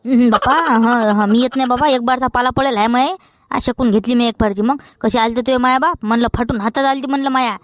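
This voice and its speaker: A woman's voice: fairly high pitch, fairly even intonation, brisk. A woman playing a bantering Vidarbha village lad. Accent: Vidarbha Marathi. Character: young village man Khandu, shy. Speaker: comedy actor. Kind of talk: rural comedy sketch acting.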